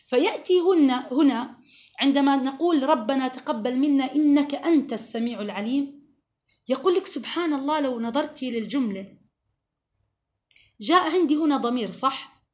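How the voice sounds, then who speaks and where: A woman teaching a religious lesson to women, explaining verses and asking her listeners questions, slowing down to recite. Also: high voice, lively intonation.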